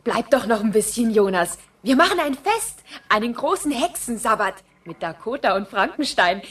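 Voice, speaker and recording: Mocking radio-play gang leader, husky, high and lively. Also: female voice, normal speed, heavily acted. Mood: taunting. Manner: taunting, self-assured. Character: bold gang leader Anna "Anaconda", mocking.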